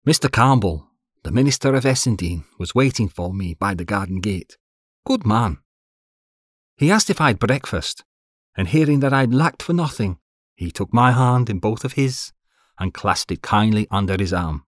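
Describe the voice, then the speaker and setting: Expressive male audiobook narrator. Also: lowish voice, normal speed, no room sound, studio quality. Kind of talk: first-person audiobook narration.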